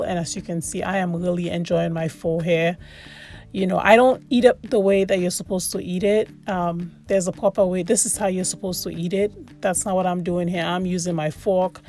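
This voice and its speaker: Chatty woman with a creaky voice. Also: fairly low pitch, steady tone, normal speed, darkish tone. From Sierra Leone. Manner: chatty, repeats words for emphasis. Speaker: food vlogger. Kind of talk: casual voice-over commentary on a meal.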